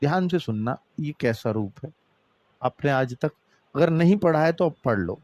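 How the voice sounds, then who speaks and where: Lively, high-pitched teacher, dry sound. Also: male voice, normal speed. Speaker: Hindi grammar teacher. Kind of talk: online exam-prep grammar lesson.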